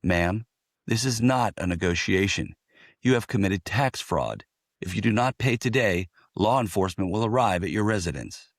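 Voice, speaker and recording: A man reads out a menacing scam caller posing as a tax agent, very deep and commanding. The voice barks orders in a hard, threatening tone. It sounds dry and close, with no room around it. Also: moderate pace, no room sound.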